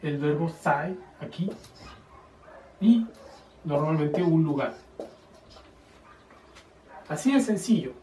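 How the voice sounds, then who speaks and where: Guy teaching a lesson, slow careful examples, kinda high voice, echoey room, a bit far off the mic. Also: expressive, warm tone, slight background noise. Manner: explains slowly, spells out example phrases. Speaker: Chinese teacher. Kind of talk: casual video lesson.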